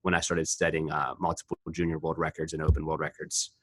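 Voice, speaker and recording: A man's voice: a bass voice, level tone, quick pace, fairly bright tone, no echo. A man in his twenties, a podcast co-host and powerlifter, telling rambling, profane stories in casual chat.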